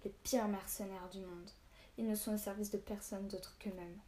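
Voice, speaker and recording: A woman voicing an imposing warrior man who speaks forcefully in a storybook reading. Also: medium pitch, level tone, moderate pace, slight background noise, natural voice. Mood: grim. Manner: forceful, commanding. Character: imposing male warrior, powerful and scornful.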